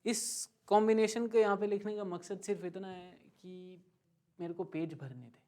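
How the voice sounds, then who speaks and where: A man teaching a beginner German lesson, slowly drilling pronunciation by repeating words, with light joking asides. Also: high-pitched, steady tone, warm tone. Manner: slow, patient, drills words by repeating them. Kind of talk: online language lesson.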